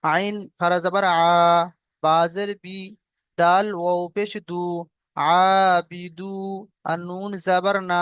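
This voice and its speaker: A man teaching Quran reading, chanting verses slowly and then spelling out each letter and vowel mark. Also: high-pitched, fairly bright tone, clear, resonant tone, no room sound, highs cut off.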